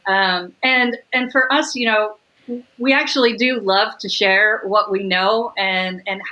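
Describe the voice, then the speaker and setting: A middle-aged woman talking upbeat and fast on a video call, laughing easily as she explains her business. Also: medium pitch, bright, forceful tone, rough recording. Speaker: catering sales executive, guest. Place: home room with windows.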